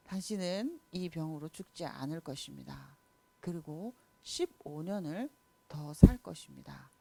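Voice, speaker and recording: A woman voicing a grave male prophet who speaks in a low, formal, measured way in a children's Bible story. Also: vocal fry, warm tone, heavily acted.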